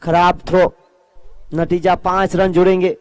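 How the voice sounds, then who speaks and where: A man giving excited live cricket commentary as the commentator, drawing out his calls on the action. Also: high voice, unhurried, smooth, no echo.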